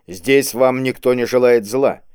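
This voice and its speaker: A man voicing a sly, smooth-talking male cult preacher who speaks in a mocking, theatrical way. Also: mid-range voice, a little slow, darkish tone, close to an everyday voice. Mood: soothing.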